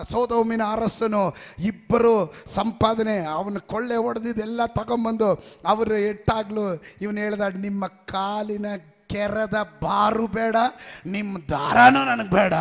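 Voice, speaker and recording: Gravelly high-voiced preacher in a hall. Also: male voice. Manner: call-and-response preaching, swelling into shouts. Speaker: pastor. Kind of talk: sermon. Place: church worship hall. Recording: long reverb of a large hall.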